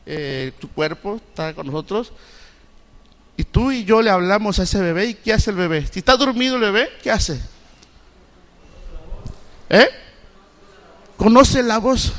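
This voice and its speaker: A middle-aged man from Mexico preaching in church, his voice pitched high above most men's. He keeps putting questions to the congregation, breaking off and starting his sentences again. A long reverb from the church hangs on every word. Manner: asks the congregation repeated questions; halting, with many restarts. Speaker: Sunday school preacher. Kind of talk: sermon. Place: church sanctuary.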